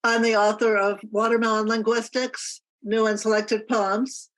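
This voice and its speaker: Woman author with a slightly high voice, telling a story casually on a video call. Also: little pitch movement, normal speed, low-quality recording. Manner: conversational storytelling. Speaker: author and filmmaker.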